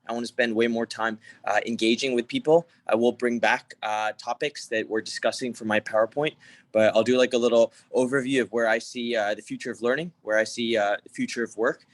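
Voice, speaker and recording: Presenting informally at an online conference, this young Hong Kong speaker keeps stopping, restarting and filling gaps. He talks a little quickly at a medium pitch with a steady tone, and the sound is dry.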